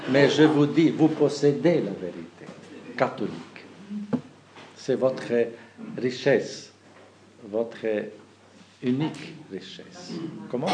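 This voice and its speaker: A man from Kazakhstan, a bishop, speaking as a to the faithful, halting with many restarts and fillers. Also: mid-range voice, very noisy. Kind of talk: talk to the faithful.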